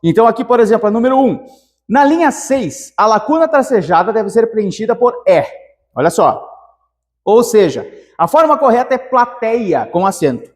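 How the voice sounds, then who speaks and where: Male teacher, high voice, lively grammar lesson, long reverb. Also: normal speed. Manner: lively, animated, calls viewers "meu querido". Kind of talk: exam-prep grammar lesson.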